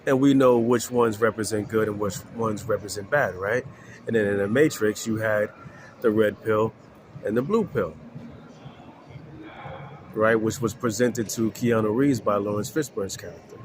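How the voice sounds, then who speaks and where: A man in his forties, congested from allergies, talking slowly to viewers about faith and films with many pauses, fillers and "right?". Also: on the low side, background noise. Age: 40s. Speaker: faith vlogger. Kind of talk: casual spiritual talk to viewers.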